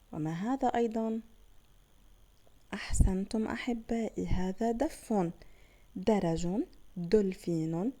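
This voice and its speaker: A woman teaching young children letter sounds, praising them often and stretching out each sound slowly. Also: a little high, warm tone. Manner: slow, drawn-out sounding of letters with praise pauses. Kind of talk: children's phonics lesson.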